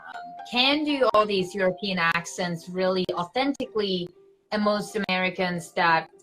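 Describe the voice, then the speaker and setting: Speaking at a normal pace in a mid-range voice, a young woman from Switzerland chats animatedly as an actress guest on an interview show, her Swiss accent clear and her speech peppered with "like" and "you know." Soft music plays behind her, and the recording is rough.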